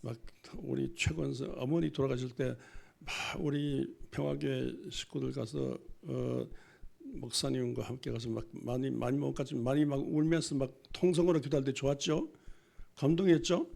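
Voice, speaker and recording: A middle-aged pastor preaches a sermon in a church, folksy and emphatic, now and then imitating loud wailing cries. His voice is gravelly and rough with a husky, breathy edge. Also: mid-range voice, fairly even intonation, moderate pace. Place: church sanctuary.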